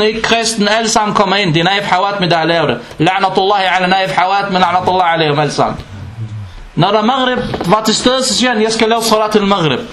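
High-pitched guy preaching, quizzing the crowd, sounds roomy and echoey. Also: a bit bright. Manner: explains Danish, quotes Arabic scripture fast, asks the listeners questions. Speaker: Islamic preacher. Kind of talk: religious lecture.

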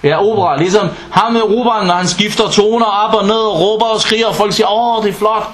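High-pitched guy preaching, quizzing the crowd, sounds roomy and echoey. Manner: explains Danish, quotes Arabic scripture fast, asks the listeners questions. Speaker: Islamic preacher. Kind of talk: religious lecture.

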